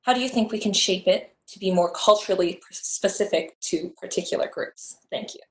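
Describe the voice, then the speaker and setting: Soft-spoken young woman moderator. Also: mid-range voice, brisk. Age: young adult. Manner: soft, affirming, casual. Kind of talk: moderating a virtual panel. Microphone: video call. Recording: echoey video call.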